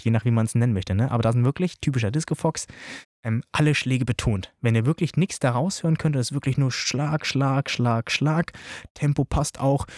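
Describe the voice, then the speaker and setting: A man's voice: mid-range voice, darkish tone, no room sound, studio quality. A man explaining dance music in a chatty, informal tutorial, talking straight to his listeners with many fillers. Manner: chatty, filler-heavy, addresses listeners directly. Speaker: dance teacher.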